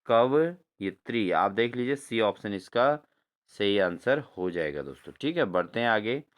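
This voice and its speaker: A man teaching a spelling lesson for exams, repeating each answer back to his viewers and spelling words out slowly syllable by syllable. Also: lowish voice, animated. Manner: repeats answers as questions to viewers, addresses them as friends. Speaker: exam-prep teacher. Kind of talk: spelling lesson for exam prep.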